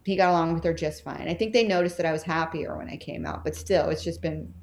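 A woman's voice: sits low, fairly even intonation, quick pace, creaky, darkish tone, slight background noise. A woman from Texas talking candidly as an interview guest, laughing often and acting out her family's words. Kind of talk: casual conversation.

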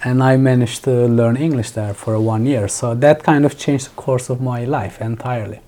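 A man with a Turkish accent and a mellow, dark voice talks as a podcast guest. He recalls things in a thoughtful, unhurried way, pausing and restarting his sentences often. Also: medium pitch, fairly even intonation. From Turkey. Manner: thoughtful, many restarts and fillers. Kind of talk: casual interview chat.

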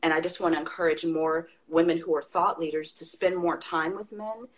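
A guest in an informal conversation, this woman has a voice that sits low and a moderate pace. She makes her point passionately, spinning animated stories punctuated by laughs.

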